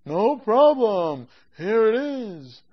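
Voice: medium pitch, very animated, drawn-out words, slightly rough, full character voice. Someone playing a patient obliging baker. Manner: agreeable, keeps saying no problem. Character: obliging small-town baker. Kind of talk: amateur comic storytelling skit. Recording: dull lo-fi recording.

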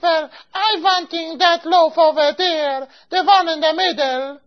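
A picky, insistent old matchmaker lady, as a woman acts her out, talking in broken English peppered with Yiddish words and circling back on herself. The voice sits high, and the recording is dull and lo-fi, like a homemade comic story skit. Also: fairly even intonation, unhurried. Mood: fussy. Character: fussy older woman customer and matchmaker.

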